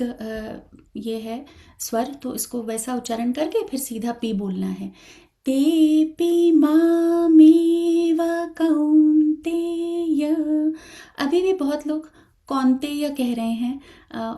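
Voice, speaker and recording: Woman chanting teacher, unhurried, careful with every letter, warm high voice. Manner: slow, careful explanation with frequent hesitations; switches between talk and slow sung chanting. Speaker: Sanskrit recitation teacher. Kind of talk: online chanting lesson.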